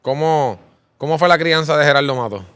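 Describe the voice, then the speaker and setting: A man's voice: fairly high pitch, a little fast, fairly bright tone, smooth. Upbeat male interviewer. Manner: upbeat, repeats "¿verdad?" as a filler. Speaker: interviewer host. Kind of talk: casual interview.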